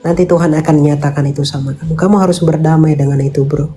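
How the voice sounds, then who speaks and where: A woman's voice: low-pitched, fairly even intonation, fast, mellow, faint music behind. A woman giving casual faith counseling, earnest and coaxing, repeating her points and mixing in English phrases.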